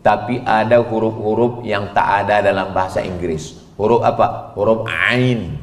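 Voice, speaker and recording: Joking preacher with a lilt, echoey hall. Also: male voice, on the low side, moderate pace, a little hiss or hum. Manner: lively, joking, asks the crowd questions and chants verses. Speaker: Islamic preacher. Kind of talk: humorous sermon to a women's audience.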